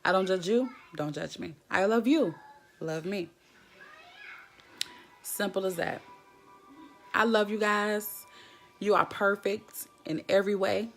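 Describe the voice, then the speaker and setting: A woman's voice: mid-range voice, takes it slowly, long pauses, faint music behind. Woman hosting a casual live chat, talks right to viewers and greets commenters. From Jackson, Mississippi. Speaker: livestream host.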